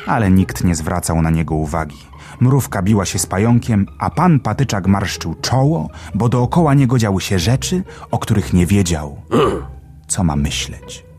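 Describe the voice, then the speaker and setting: A man reading a children's story aloud with gentle, expressive storytelling. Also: low-pitched, moderate pace. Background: background music.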